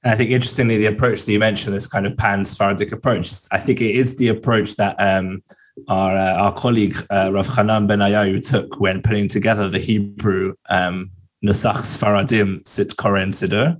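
A male podcast host with a fairly low voice asks long, searching questions. He pauses often on "um" and "uh" as he builds his thought, keeping a casual conversational tone. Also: flat delivery.

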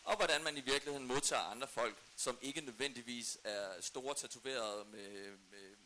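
A man's voice: medium pitch, pushed and bright, slight background noise, rough recording. A man guesting on a talk show, explaining things about football fandom in a hesitant way, with many fillers. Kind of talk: casual talk show chat.

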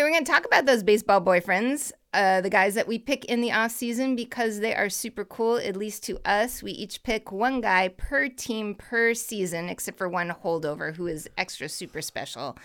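A woman's voice: mid-range voice, vocal fry, fairly bright tone. A woman co-hosting a podcast, chatting casually about baseball in a rambling, laughing way. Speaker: podcast co-host.

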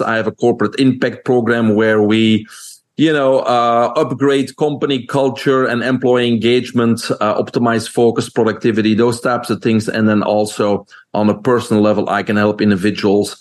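A Belgian man with a Belgian accent and a lowish voice is a guest on a podcast interview. He talks earnestly and fluently, often dropping in "uh."

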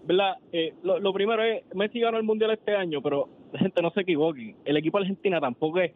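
A man's voice: high-pitched, quick pace. A man from Puerto Rico with a Puerto Rican accent calling in to a radio show, eager to make his point. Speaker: caller. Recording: tinny phone line.

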